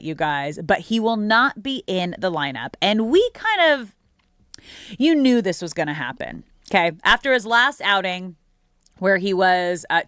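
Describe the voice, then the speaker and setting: A woman's voice: mid-range voice, fairly bright tone, dry recording, studio quality. An American woman hosting sports radio, talking casually and emphatically straight to her listeners. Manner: conversational, emphatic, addresses listeners as you guys.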